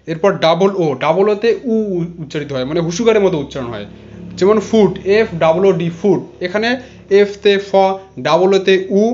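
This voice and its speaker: High-voiced man teaching spelling sounds. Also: a little mellow, lo-fi sound. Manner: spells words letter by letter, repeats each sound. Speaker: English teacher. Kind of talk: explanatory lesson.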